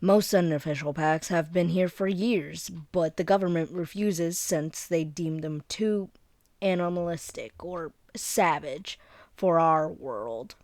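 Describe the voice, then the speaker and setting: In a scripted, one-sided roleplay audio drama, a woman voices a friendly young female werewolf who is second in her pack. Her low, darkish, unhurried voice is recorded dry and close with no echo, as she explains things conversationally, rambling, getting a bit flustered and sounding earnest and passionate.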